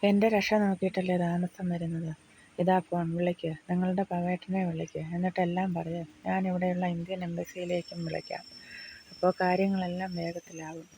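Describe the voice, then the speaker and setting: A woman's voice: fairly low pitch, level tone, brisk, warm tone, a little hiss or hum, close to an everyday voice. A reader voicing a grieving mother held captive far from her family, asking sorrowful, pleading questions in an audiobook of a novel. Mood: urging.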